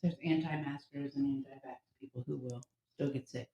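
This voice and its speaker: A woman's voice: extremely low pitch, steady tone, a little fast, dark tone, highs cut off. A woman co-hosting a casual talk radio show, chiming in with dry, teasing remarks. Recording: echoey room with faint noise.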